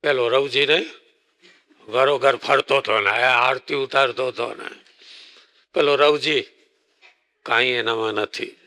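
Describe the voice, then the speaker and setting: A man's voice: medium pitch, fairly even intonation, measured pace, long pauses, bright, forceful tone, long reverb tail. A man, a swami preacher, telling a devotional story as a sermon and acting out the dialogue. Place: temple hall.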